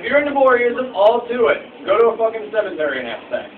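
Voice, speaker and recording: A man's voice: very high voice, very animated, quick pace, reverberant, slight background noise. A man telling crude, joking stories to a room full of people, swearing and laughing often. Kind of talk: crude comedic talk to a room. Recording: distant, tinny recording with loud crowd.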